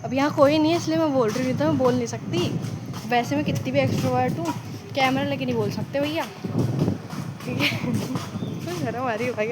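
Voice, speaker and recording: A young woman vlogging casually on her phone, chatting straight to her viewers and laughing often. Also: fairly high pitch. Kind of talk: casual vlog chat. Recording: loud background noise.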